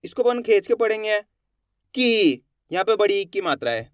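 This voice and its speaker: A man with a very high, smooth, resonant voice teaches the Hindi alphabet. He asks a question, answers it himself, and stretches each vowel slowly and clearly. The recording is dry and close. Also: big pitch swings, no echo. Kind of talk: classroom lesson.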